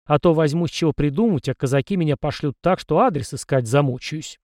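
A blunt young soldier, voiced by a man narrating a storybook. He snaps back sarcastically in a fairly high, plain voice. The recording is dry and close. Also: animated, brisk, a little mellow, dry recording, natural voice.

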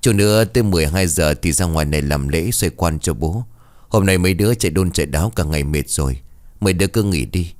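A male narrator voicing an elderly grieving grandmother who talks softly and caringly to her grown children in a storybook ghost tale. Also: sits low, fast, natural voice.

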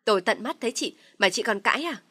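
A woman voicing a young sister-in-law who shouts accusations in a high, loud voice in an audio story. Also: lively intonation, fast. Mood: shrill accusing.

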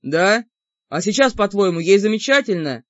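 A woman's voice: medium pitch, expressive, normal speed, no echo, close to an everyday voice. A woman voicing an angry, bickering male shadow spirit in an audiobook. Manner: shouting, insulting. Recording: dull lo-fi dry recording.

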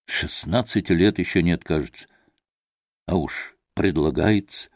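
A man's voice: lowish voice, big pitch swings, a little slow, darkish tone, no room sound, studio quality. A man reading an audiobook, voicing an irritable, feverish young man who speaks curtly and sardonically. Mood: bitter. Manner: curt and sardonic.

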